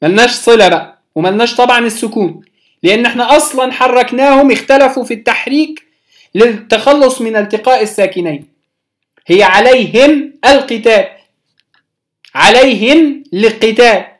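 A teacher with an Egyptian accent giving a Quran recitation lesson, patiently explaining and drawing out each recited example word slowly. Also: mid-range voice. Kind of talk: recorded religious lesson.

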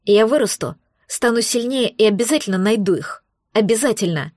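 A woman's voice: a little high, animated, moderate pace, darkish tone, no room sound, clean studio sound. A woman voicing a young male dragon who hisses through tears, stubborn and angry, in an audiobook. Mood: vengeful. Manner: sobbing, hissing, stubborn. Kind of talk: audiobook character voice.

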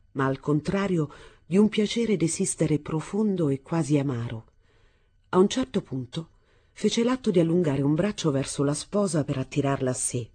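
A woman reading a novel aloud for radio in a measured, expressive storytelling manner. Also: sits low, husky. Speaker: audiobook reader.

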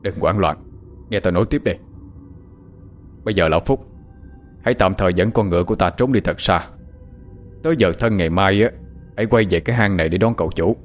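A man's voice: sits low, fairly quick, pauses often, soft background music, close to an everyday voice. A man playing a grave middle-aged mandarin father in an audiobook, giving solemn, urgent instructions. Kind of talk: audiobook character acting.

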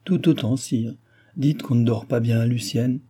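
A playful, scheming court countess, voiced by a man who wheedles and coaxes. The voice sits a little higher than his narration but stays husky. It is read from a storybook. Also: normal speed, warm tone, natural voice. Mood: coaxing.

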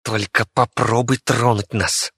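A man's voice: a little high, sing-song, a little fast, a bit bright, breathy edge, dry recording, clean studio sound, long reverb tail, voice pushed up, exaggerated voice. A man voicing a fierce female fox spirit who speaks curtly and hisses. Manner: curt and hissing.

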